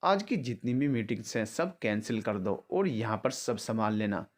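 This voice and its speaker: A man voicing an anxious young businessman in a storybook drama, giving quick clipped orders. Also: fairly low pitch, natural voice. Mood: urgent.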